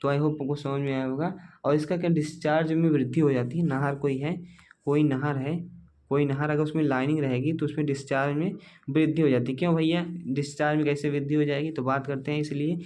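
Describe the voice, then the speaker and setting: A man's voice: fairly high pitch, steady tone, brisk, darkish tone. A male teacher giving an exam-focused lecture, explaining step by step with many rhetorical questions and calling the students dear and brother.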